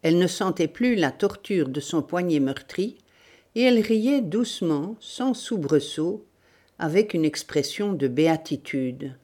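A woman narrating a novel as an audiobook, in a measured, deliberate reading. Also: on the low side, expressive, warm tone. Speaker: audiobook reader.

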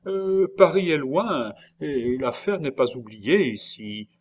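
A man reading a story aloud, voicing a superstitious, excitable peasant nurse in a high exclaiming voice. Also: slow. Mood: matter-of-fact. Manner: shrill exclaiming falsetto. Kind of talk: audiobook reading.

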